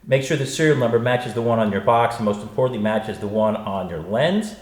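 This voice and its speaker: A man's voice: mid-range voice, fairly quick. Man in a big echoey room, chatty. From United States. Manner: chatty, exclamatory, wisecracking. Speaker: host and gear reviewer. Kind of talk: casual unboxing commentary. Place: untreated echoey room indoors. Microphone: stereo pair of studio microphones. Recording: big echoey room, clear reverb, faint noise.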